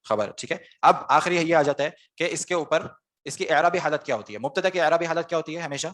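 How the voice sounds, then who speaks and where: In an online Arabic grammar class, a man with a slightly high, somewhat bright voice explains things step by step. He asks his students questions and then answers them himself.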